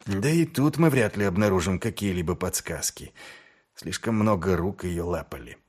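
A man voicing a weary, sardonic middle-aged male watch commander in an audiobook, speaking low and dry. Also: lively intonation, normal speed, darkish tone, husky. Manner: dry, mocking, low and subdued.

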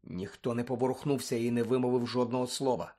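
Guy reading a storybook aloud, steady and dramatic. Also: mid-range voice, fast talker. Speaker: narrator. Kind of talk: audiobook reading.

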